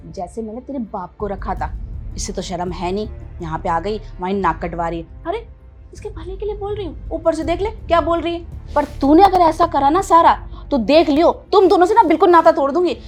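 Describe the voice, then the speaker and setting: A woman playing a meddlesome, sharp-tongued mother who scolds and taunts her daughter. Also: medium pitch, animated, moderate pace, faint music behind, natural voice. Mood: scolding. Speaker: mother-in-law character. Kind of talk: family drama acting.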